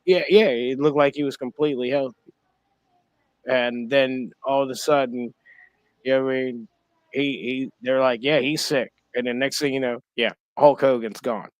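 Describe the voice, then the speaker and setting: A man co-hosting a podcast in casual chat, rambling and halting with many restarts and fillers. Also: mid-range voice, steady tone, no room sound. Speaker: podcast co-host.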